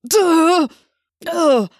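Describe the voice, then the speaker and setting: A woman with a fairly low voice that sits close to her everyday one performs a cruel alien slug that controls a male assistant principal's body. At a moderate pace, she pushes menacing, commanding threats through gritted teeth, sounding strained and struggling, like a dramatized storybook. The recording is dry and close, with no echo.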